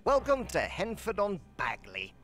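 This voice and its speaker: A man's voice: high voice, huge pitch swings, measured pace, a bit bright, heavily acted. Dry llama narrator for a game trailer, clipped English accent, swoops a lot as he talks. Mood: wry. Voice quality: clipped, pinched delivery.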